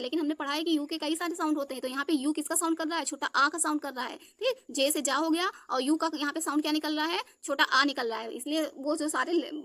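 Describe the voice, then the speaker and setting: High, bright-voiced woman teacher. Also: dry recording. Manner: spells words letter by letter, checks with "ठीक है". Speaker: English teacher. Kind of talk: spelling lesson for students.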